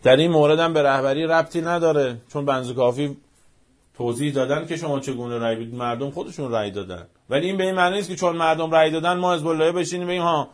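A man giving an impassioned religious-political speech, rhetorical and fervent, swinging between raised outbursts and quiet, low asides. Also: fairly even intonation. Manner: fervent, rhetorical, swings from shouting to near-hushed.

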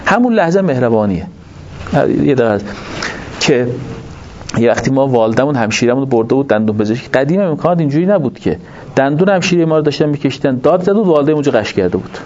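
A man giving a religious lecture to an audience, explaining points in an animated way and asking rhetorical questions. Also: mid-range voice. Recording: dull lo-fi recording with faint noise.

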